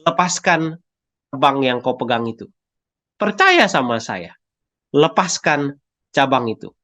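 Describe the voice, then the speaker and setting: A man voicing God as a calm, steady voice that gently gives instructions. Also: mid-range voice, measured pace. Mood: firm. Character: calm voice of God speaking from everywhere.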